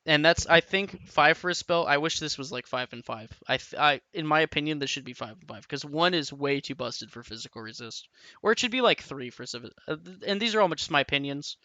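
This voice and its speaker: Rambling man with a bright, crisp voice. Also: fairly high pitch, expressive, a little fast, no room sound, muffled recording. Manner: rambling, with frequent restarts and "like". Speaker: tabletop and larp rules reviewer. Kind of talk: casual unscripted rant to camera. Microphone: camera mic.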